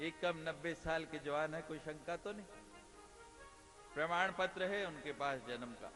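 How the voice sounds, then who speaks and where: A male preacher gives a devotional talk full of humorous stories and playful questions to his listeners. His voice is bright and sits a little high. The sound carries a long hall reverb, with faint music behind it. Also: measured pace. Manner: jokes and asks the audience questions. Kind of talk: devotional discourse with humorous storytelling.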